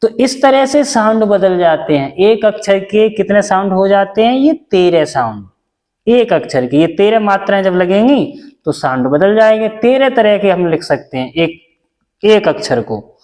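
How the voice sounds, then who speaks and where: Slow, patient male teacher in a big hall. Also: high voice, very animated, a little mellow. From India. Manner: patient, repeats each step, asks and answers own questions. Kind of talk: classroom lesson.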